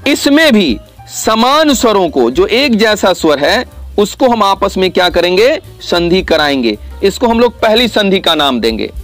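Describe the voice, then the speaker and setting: A man teaching grammar in a video lesson, explaining deliberately and drawing out vowel sounds for his pupils. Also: high-pitched. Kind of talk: classroom-style video lesson.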